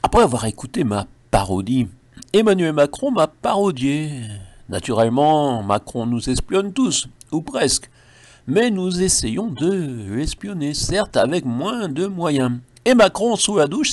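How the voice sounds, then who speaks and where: French man, satirical monologue, gravelly voice, lively pitch, dry close sound. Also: unhurried, no room sound. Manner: mocking, ironic asides. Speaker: satirical commentator.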